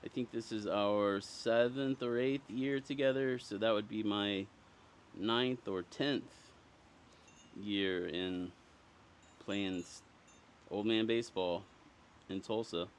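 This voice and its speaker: A man's voice: on the low side, fairly even intonation, slow pace, slight background noise. A man in his thirties, an amateur ballplayer, speaking sincerely and thoughtfully in an interview. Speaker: amateur baseball player. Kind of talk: reflective interview.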